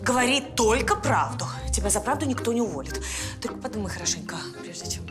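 An actress playing a defensive, quick-tongued wife in a TV drama, brushing off questions. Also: female voice, mid-range voice, sing-song, over loud music, natural voice. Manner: fast, dismissive, mixing two languages. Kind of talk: TV drama acting.

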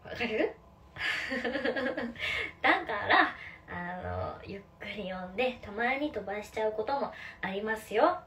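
A young woman chatting on a live stream in a rapid, playful, cutesy patter, with a fairly high voice. She sounds a little distant from the mic in an echoey room. A faint hum of ambience sits behind her. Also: lively intonation, fairly bright tone. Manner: very fast talker, playful and cutesy, calls herself by name. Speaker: live-stream host reading comments. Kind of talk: casual live-stream chat.

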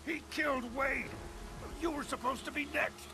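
An actor playing a cold, scheming male military officer in a video game cutscene, calm and persuasive. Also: very high-pitched, moderate pace, gravelly, background noise.

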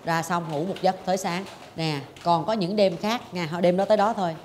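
A woman's voice: on the low side, fairly even intonation, brisk, darkish tone, slight background noise. A woman, hosting a talk show and dramatically telling a personal story, acting out her own past thoughts. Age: 40s. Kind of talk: confessional storytelling chat.

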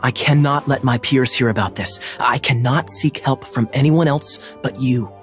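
Man acting smooth-talking Kaeya, flirty game knight. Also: medium pitch, moderate pace, natural voice. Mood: smooth, persuasive. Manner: smooth-talking, teasing, flowery. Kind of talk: video game cutscene acting. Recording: music playing behind the dialogue. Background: game soundtrack music.

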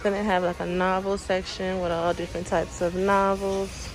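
A woman's voice: lowish voice, level tone, moderate pace, music in the background. A young woman with a son, chatting casually as she browses aisles and reads out items and prices, recorded on a handheld phone in a large store. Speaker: shopping vlogger. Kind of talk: casual shop-with-me narration. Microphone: handheld phone camera. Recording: noisy phone audio in a busy store. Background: store ambience and noise.

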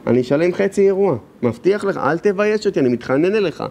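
A man's voice: sits high, expressive, gravelly, a little mellow, a little hiss or hum, pitched above the performer's own voice. A man voicing a desperate, humiliated guest who keeps begging not to be shamed. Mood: pleading. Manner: pleading, repeating himself, rushed.

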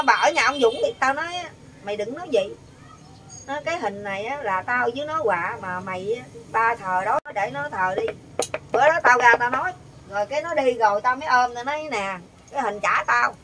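Older lady, high voice, talks fast, heard from a ways off outdoors. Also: recorded from a distance, slight background noise, low-quality recording. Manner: animated, quoting others in quick bursts. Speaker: interviewee. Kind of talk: heated storytelling.

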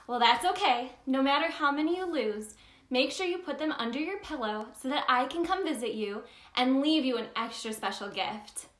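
Speaking at normal speed in a high-pitched voice, a woman plays a cheerful, bubbly, chatty Tooth Fairy hosting story time for children. She talks directly to her young audience in an animated, sing-song manner, and the space around her is roomy and echoing.

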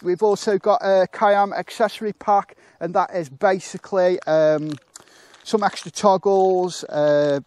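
A man casually demonstrating how to pitch a tent outdoors, chatting and thinking aloud with fillers, poking fun at himself. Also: a little mellow. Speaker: motorcycle touring reviewer.

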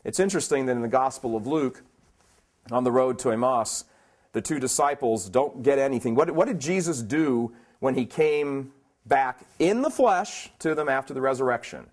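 A man's voice: mid-range voice, moderate pace. A man giving a preaching talk at a conference, emphatic and plainspoken, firing rhetorical questions at his listeners. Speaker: conference speaker.

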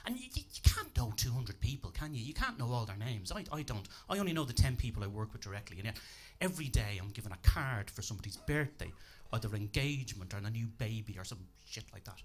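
Quick-paced with hardly any pauses, a young Irish comic with a Dublin accent delivers a stand-up set into a handheld mic at a comedy club. His voice is fairly low, and his style is dry and deadpan with self-deprecating asides.

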